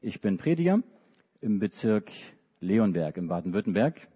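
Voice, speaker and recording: Speaking at a fairly low pitch with a dark, slightly rough tone, this middle-aged man from Hamburg, Germany, is a preacher. He narrates a children's story at a church service at a moderate pace, very animated yet halting, with many restarts. The hall is reverberant and the recording sounds dull.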